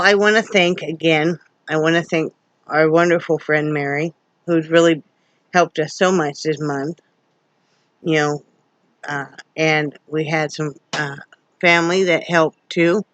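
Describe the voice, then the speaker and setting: A middle-aged vlogger from Wyoming, USA, wheezy with a sore throat, chats folksily and rambles with many fillers in her front room at home. Her voice is low and a bit bright with no echo, in a dull lo-fi home recording.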